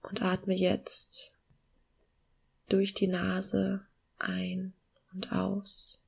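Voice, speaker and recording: Soft breathy lady doing a guided meditation, almost whispering, super slow, bit of creak. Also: mid-range voice, completely flat delivery. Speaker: podcast host guiding a meditation.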